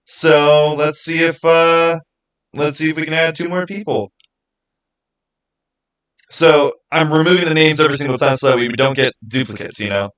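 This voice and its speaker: A male livestream host chats casually with his viewers, thinking aloud as he goes. His voice is fairly high and a bit bright, with fairly even intonation, normal speed, and frequent pauses.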